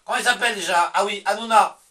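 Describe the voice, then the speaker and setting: Man, Belgian French accent, sarcastic swearing rant, bright high voice, a bit off-mic. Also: fast talker, recorded from a distance. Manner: sarcastic, swears, talks back to himself in asides. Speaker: vlogger. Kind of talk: casual ranting monologue.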